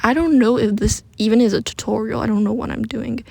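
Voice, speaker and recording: A woman's voice: fairly high pitch, steady tone, a little fast, creaky, mellow, dry recording, clean studio sound. A woman recording under a blanket, giving a casual, self-deprecating voice-over for a craft tutorial. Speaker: craft video creator narrating a DIY attempt. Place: recording under a blanket, close and muffled from room sound.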